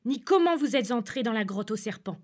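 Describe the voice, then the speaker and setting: A woman's voice: fairly high pitch, lively intonation, fairly quick, darkish tone. A woman reading a fairy tale aloud, voicing an old male snake king who gives solemn commands. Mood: stern.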